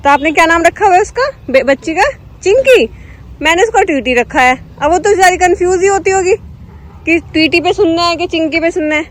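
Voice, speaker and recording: A woman's voice: extremely high pitch, expressive, brisk. A young woman vlogging casually outdoors on a city street, chatty and cooing to street dogs. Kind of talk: casual vlog chat.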